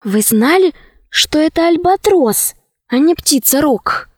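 A woman's voice: high-pitched, lively intonation, slow, no room sound, clean studio sound, pitched above the performer's own voice. A woman voicing a curious, sensible young girl asking questions in a lightly raised voice.

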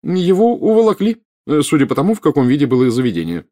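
A man voicing a relaxed, wry young wizard who talks with hesitant fillers. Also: fairly high pitch, quick pace, pitched above the performer's own voice. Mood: grim. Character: easygoing young adult wizard brother, wry.

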